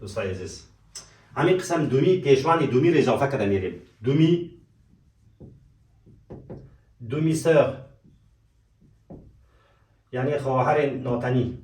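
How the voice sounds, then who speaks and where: A man teaching vocabulary, repeating words slowly and calling his students dear friends, in an echoey room away from the mic. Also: medium pitch, expressive, a little mellow, far from the mic. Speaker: language teacher.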